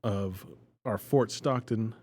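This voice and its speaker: A man's voice: fairly low pitch, takes it slowly, a little mellow. A man with a Texan accent co-hosting a casual podcast chat, laughing often and teasing, his voice a little worn. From Texas. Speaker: podcast co-host.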